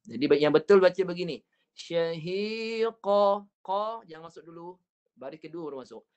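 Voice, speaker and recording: Malaysian Malay male recitation teacher, fairly high voice, slow and repetitive, models each sound. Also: animated, a little mellow. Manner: patient, repeats points, drawn-out recited syllables. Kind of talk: online Quran recitation class.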